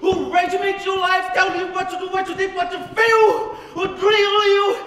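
A middle-aged man on stage delivering a theatrical, impassioned, shouted dictator-style ranting speech. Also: very high-pitched, flat delivery, moderate pace. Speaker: stage performer reciting a speech. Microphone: distant camera microphone. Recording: echoey hall from far off, faint noise.

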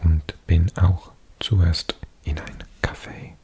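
A man whispering softly and unhurriedly as an ASMR host, reading aloud close to the mic. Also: sits low, little pitch movement. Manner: soft, breathy ASMR whisper, slow and unhurried.

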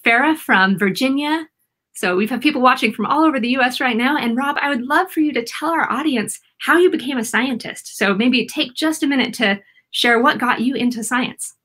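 A woman's voice: high-pitched, a little fast, fairly bright tone. A woman in her thirties hosting a live-stream interview, upbeat and enthusiastic. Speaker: host.

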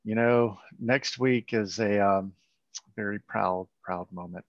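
Gravelly low-voiced man, halting. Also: no room sound. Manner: halting, repeats words while explaining. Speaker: company founder and co-host. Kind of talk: casual webinar chat. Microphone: video call. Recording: muffled video call audio.

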